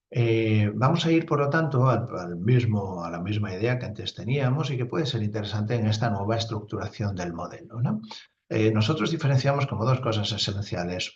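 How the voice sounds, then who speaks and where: A man's voice: on the low side, darkish tone. A man giving a neuropsychology lecture, explaining with fillers and asides. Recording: dull lo-fi recording.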